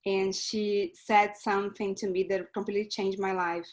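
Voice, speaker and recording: Joining an online meeting by video call, a Brazilian woman introduces herself as a club member, sounding earnest and a touch hesitant. She has a Brazilian Portuguese accent and a medium pitch, speaking at normal speed with flat delivery.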